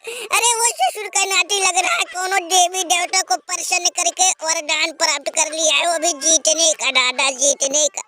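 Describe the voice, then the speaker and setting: A blustering, bossy cricket rival, as a man plays him, shouting down his teammates. The voice is extremely high and shrill. The recording carries clear noise and clicks. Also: fairly even intonation, normal speed. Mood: scolding. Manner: shouting, scolding. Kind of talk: comedic dubbed sketch.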